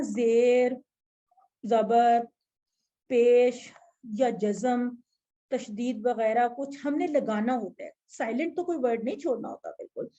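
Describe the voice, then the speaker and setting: High-voiced woman teaching Arabic grammar. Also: mellow, highs cut off. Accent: Urdu-speaking, Pakistani. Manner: explanatory, asks the class questions. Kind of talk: classroom grammar lesson.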